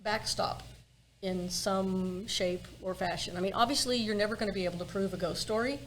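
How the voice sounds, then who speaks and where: A woman's voice: medium pitch, moderate pace, poor audio. A woman chatting casually as a tour guide in an interview, telling things in a wry, emphatic way and repeating phrases for effect. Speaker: ghost walk tour guide being interviewed. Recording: clear background ambient noise.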